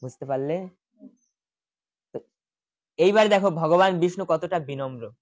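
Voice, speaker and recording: A lively man tells scripture stories to children in a village house. He acts out the lines of gods and keeps asking his pupils questions. His voice is close and dry, with no room sound. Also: fairly high pitch, unhurried, no room sound. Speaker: Gita school teacher. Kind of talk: storytelling scripture lesson to children.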